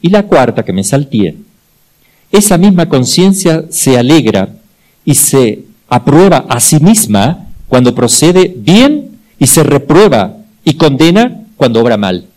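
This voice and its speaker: Middle-aged Argentine male priest, mellow timbre, lively storyteller who repeats for emphasis. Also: mid-range voice, unhurried, rough recording. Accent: Argentine Spanish. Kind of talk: teaching talk with personal anecdotes.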